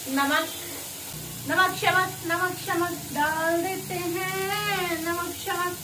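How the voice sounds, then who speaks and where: Speaking extremely slowly in a very high-pitched, steady voice, this vlogger in her twenties talks to the camera as she cooks. The casual home vlog takes place indoors in a small kitchen and living room, against a noisy background.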